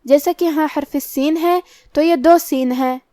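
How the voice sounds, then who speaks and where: Brief: female tajweed teacher, high voice, methodical, dry close mic. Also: dark tone, no room sound. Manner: slow, methodical explanation of each letter rule. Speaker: Quran recitation teacher. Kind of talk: tajweed lesson explaining rules.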